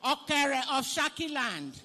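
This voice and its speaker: A Nigerian man serves as master of ceremonies at a fundraising book launch, hosting live in a large, echoey event hall over a PA microphone. His very high, sharp voice is very animated but measured in pace as he playfully repeats himself and calls out to guests.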